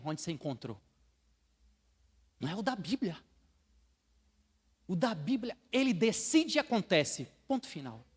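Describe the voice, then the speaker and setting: A Brazilian pastor from Bahia preaching a sermon, swinging from hushed asides to loud proclamations and acting out believers for laughs. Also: male voice, on the high side, husky. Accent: Brazilian Portuguese, Bahia. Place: church sanctuary. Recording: long hall reverb.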